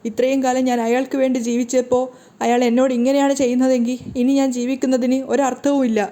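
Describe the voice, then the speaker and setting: A woman's voice: high-pitched, little pitch movement, fairly quick, mellow, lightly acted. A woman voicing a betrayed middle-aged wife in a wheelchair, pleading in grief. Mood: grieving.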